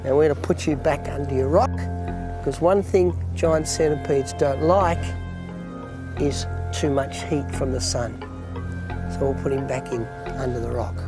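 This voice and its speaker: A man's voice: mid-range voice, moderate pace, over music. A man in his fifties with an Australian accent, presenting a wildlife documentary outdoors in a dramatic, emphatic, marvelling manner. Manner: dramatic, emphatic, marvelling, often breaking off to address the animal. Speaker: wildlife show host.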